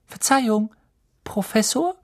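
A man's voice: sits high, slow, pitched above the performer's own voice, heavily acted. A man voicing a clever, bossy teenage schoolgirl, raised and cutting in tone. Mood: hesitant. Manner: sharp, cutting, raised and lively.

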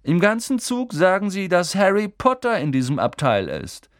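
Guy doing a snotty rich kid, high and drawling, sneers at everyone, dry close sound. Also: wildly swooping pitch, moderate pace, a bit bright, no echo, exaggerated voice. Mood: sneering. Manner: drawling, mocking. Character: sneering rich schoolboy, arrogant and threatening.

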